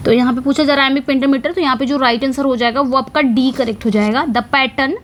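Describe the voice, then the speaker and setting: A high-pitched woman with an Indian English accent runs an exam-prep lesson. She reads each question slowly in English, then explains it again in Hindi and repeats the key terms. A faint hiss of noise sits behind her. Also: fairly even intonation. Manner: writes on a board while teaching. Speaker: English literature teacher.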